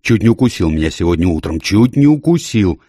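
Male reader playing a grumbling, blunt old landlady, gruff but kind, low husky voice. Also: sing-song, brisk, warm tone, no room sound, studio quality, heavily acted.

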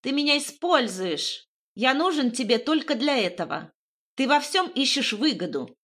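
A woman voicing a fussy, resentful older man in an audiobook, with a creaky, indignant, lecturing manner. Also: mid-range voice, animated, normal speed, a bit bright. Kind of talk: audiobook reading.

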